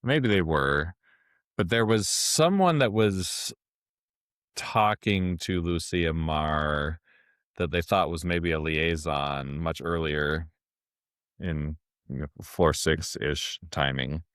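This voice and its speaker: A man's voice: a bass voice, slow, a bit bright, dry recording, studio quality. A man co-hosting a podcast, chatting about a book in a hesitant, thoughtful way. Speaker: podcast co-host. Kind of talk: casual book discussion. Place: recording studio.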